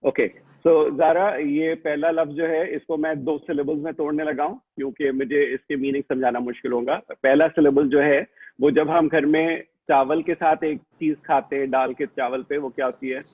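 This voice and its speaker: Casting: playful male guest, fairly high husky voice, thin phone-like sound. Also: level tone, normal speed. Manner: playful and self-mocking, with bits of English. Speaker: guest director. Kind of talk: joking talk show banter.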